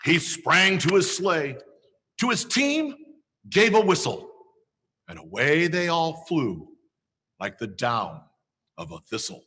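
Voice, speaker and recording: An actor playing a jolly, playful Santa Claus who reads a holiday story slowly and theatrically and chats with children. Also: male voice, fairly high pitch, big pitch swings, pushed and bright, in a large hall, exaggerated voice. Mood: storytelling. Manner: slow, theatrical reading with playful chuckles. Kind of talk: holiday story reading and kids' Q&A.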